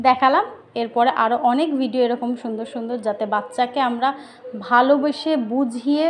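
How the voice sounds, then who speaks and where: A woman's voice: high voice, a little hiss or hum. A woman teaching phonics, who explains patiently and spells words out letter by letter. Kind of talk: phonics lesson for parents.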